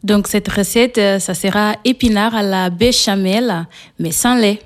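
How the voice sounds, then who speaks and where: A woman from São Tomé and Príncipe with a Portuguese accent, a native Portuguese speaker, speaking French as a guest cook in a radio interview. She pauses often and fills the gaps. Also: medium pitch. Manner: hesitant, many pauses and fillers.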